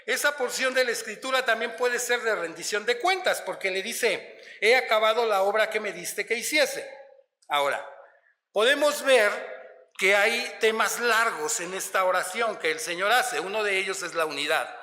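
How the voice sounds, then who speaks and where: A man preaching a sermon in a measured way, often calling listeners beloved brother and checking in with tag questions. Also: high-pitched, expressive, sharp tone, echoey room, big-room sound. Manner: slow, measured delivery with stretched emphasis. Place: church sanctuary.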